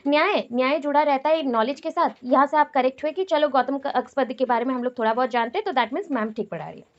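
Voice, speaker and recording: Woman teacher on an online class, high voice, keeps asking "ok?", muffled lo-fi mic. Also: no room sound. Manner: explains in mixed Hindi and English, checks with "ठीक है?"; repeats key terms slowly. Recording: dull lo-fi audio.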